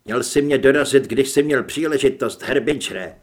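A man's voice: mid-range voice, expressive, natural voice. A man doing a raging, unhinged shapeshifter. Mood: bitter. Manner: shouting, snarling. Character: gaunt, unhinged male shapeshifter, armed and ranting.

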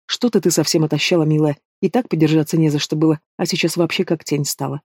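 A man's voice: on the high side, steady tone, fast, slightly rough, no echo, studio quality. Man voicing sneering lazy young villain. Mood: mocking. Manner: taunting, drawling, casual menace. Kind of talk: audiobook character voice.

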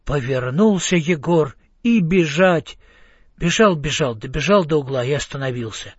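A man narrating a children's story in a playful, expressive way. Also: on the high side, moderate pace, husky, dry recording. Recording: slightly muffled audiobook.

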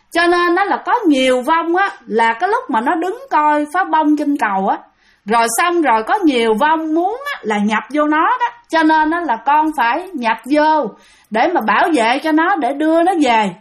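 A woman's voice: high-pitched, pitched above the performer's own voice. A woman voicing the spirit of a dead young man, speaking tearfully and tenderly.

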